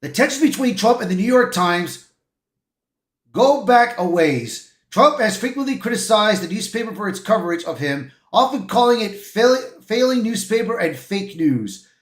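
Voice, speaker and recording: A man with a high, sing-song voice reads articles on his livestream at normal speed, his words echoing in a reverberant space. He offers casual, opinionated takes, sometimes stumbling over words, and peppers his informal talk with "bro," "man," and "dude."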